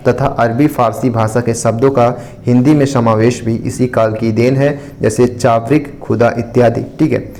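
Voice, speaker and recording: A man walks through exam material in a steady teaching voice. His tone is warm and mellow at an average pitch, and he keeps circling back to check understanding. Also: normal speed. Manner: explanatory, repeats points with frequent "ठीक है". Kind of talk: explaining an exam answer copy.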